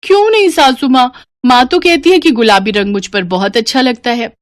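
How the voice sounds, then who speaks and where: A woman's voice: on the high side, moderate pace, dry recording, clean studio sound, pitched above the performer's own voice, natural voice. Woman doing a chirpy young sari-loving girl. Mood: eager. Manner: chirpy, cheeky. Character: playful young bride who loves saris.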